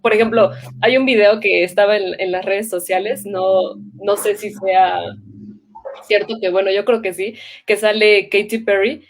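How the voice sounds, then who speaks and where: A woman teacher in a casual conversation, animated and quick to laugh, speaking. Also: medium pitch, a little hiss or hum. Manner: animated, laughs often, quotes people.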